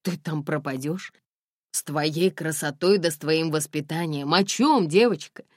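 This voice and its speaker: A woman reading a gruff but caring man, a driver who lectures the girl. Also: deep voice, a little slow, darkish tone, dry recording, clean studio sound. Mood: lecturing.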